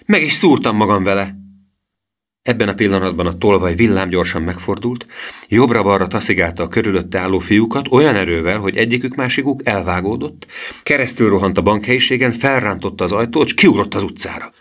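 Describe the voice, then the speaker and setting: A man narrating a children's story as an audiobook reading, in steady storytelling. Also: fairly low pitch.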